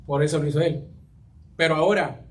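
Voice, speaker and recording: A man with a slightly high voice and a steady tone delivers a sermon, reading scripture aloud. He speaks haltingly, often repeating a word while he searches for the next, and keeps addressing the congregation as his brothers.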